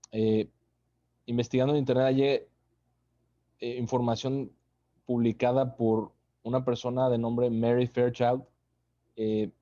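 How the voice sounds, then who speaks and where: A man giving a conversational Bible study sermon, unhurried, often checking in with listeners through tag questions. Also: medium pitch, mellow, lo-fi sound.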